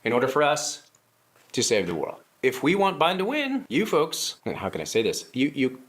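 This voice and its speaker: A man's voice: medium pitch, wildly swooping pitch, normal speed, a bit bright. A man acting in a satirical comedy sketch, talking in a mock-earnest, sarcastic way and sometimes breaking into laughter.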